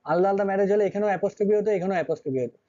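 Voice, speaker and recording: A man's voice: high voice, rapid-fire, mellow, lo-fi sound. A man teaching an English grammar lesson, constantly checking with his students through short questions.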